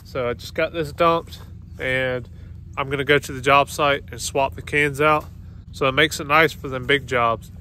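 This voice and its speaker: Bright-voiced man vlogging outdoors. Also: medium pitch, moderate pace. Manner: relaxed, folksy, says y'all. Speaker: vlogger running dumpster rentals and a tree service. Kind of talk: casual vlog narration. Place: outdoors at a job site and open land. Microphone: phone camera held at arm's length. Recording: outdoor phone audio with faint background noise.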